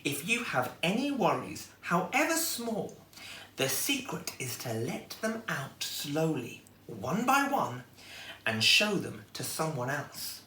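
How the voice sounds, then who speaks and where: A man's voice: on the high side, sing-song, slow, bright, forceful tone, a little hiss or hum, pitched above the performer's own voice, exaggerated voice. A man voicing a kindly but firm old lady neighbour in a storybook, emphatic and reassuring. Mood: firm reassurance. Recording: echoey room, distant microphone.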